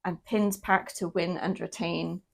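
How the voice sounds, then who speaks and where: A woman's voice: fairly low pitch, steady tone, unhurried, creaky. A Welsh woman co-hosting a casual wrestling reaction chat, recapping matches with plenty of ums and laughs. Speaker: co-host.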